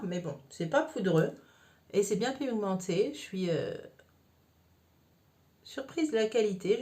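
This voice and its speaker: Makeup vlogger, woman, easygoing step-by-step explainer, mid-range voice. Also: mid-range voice. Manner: chatty, explains each step with many fillers. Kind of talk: casual makeup tutorial.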